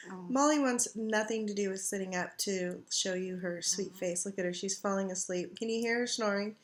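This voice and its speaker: A craft vlogger with a scratchy, irritated throat chats casually to her computer webcam from the living room couch at home. Her voice is medium-pitched, and she rambles chattily, with frequent ums and throat clearing.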